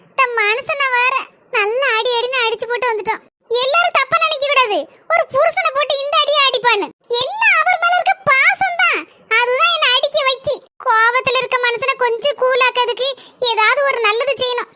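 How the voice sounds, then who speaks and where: A woman plays a hot-tempered young village wife in a cartoon, brash and defiant in a Kanyakumari Tamil accent. The voice is extremely high. A clear hiss runs under it. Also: fairly quick, pushed and bright. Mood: self-justifying.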